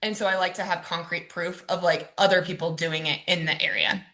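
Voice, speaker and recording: A woman's voice: on the low side, steady tone, a little fast, bright, forceful tone. A woman, a mortgage lender, presenting a webinar over slides in a casual, chatty way with frequent ums and likes.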